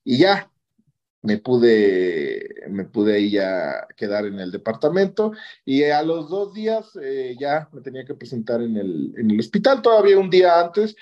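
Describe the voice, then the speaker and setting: An orthopedic surgeon with a Mexican Spanish accent, appearing as an interview guest, tells a personal story conversationally, often ending phrases with questioning tags to check in. His medium-pitched voice is sing-song and unhurried, on dull lo-fi audio.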